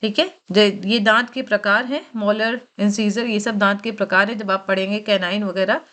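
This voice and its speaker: A woman's voice: medium pitch, fairly even intonation, normal speed, fairly bright tone. A woman teacher giving a vocabulary lecture for exam preparation. She mixes Hindi with English terms, repeats key words and asks and answers her own questions.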